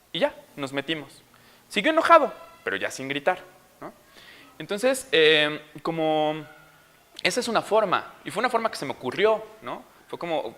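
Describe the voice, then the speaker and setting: A young man with a Mexican accent tells a story to other parents, his voice fairly high and bright. He swings his pitch widely and acts out each moment as he goes. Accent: Mexican Spanish. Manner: animated, acts out scenes. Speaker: father speaking at a parents' school session. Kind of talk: storytelling talk.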